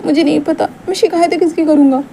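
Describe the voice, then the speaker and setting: A woman's voice: high-pitched, steady tone, fast talker, mellow, a little hiss or hum, voice pushed up. A woman voicing a tearful, flustered young man who stammers and pleads with his lover. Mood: tearful pleading.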